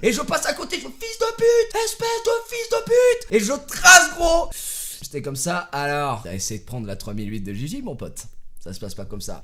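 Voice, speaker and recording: A man vlogger telling a comic story to his viewers in a lively way, breaking into shouted bursts. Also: fairly high pitch. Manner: animated, swings into shouting bursts.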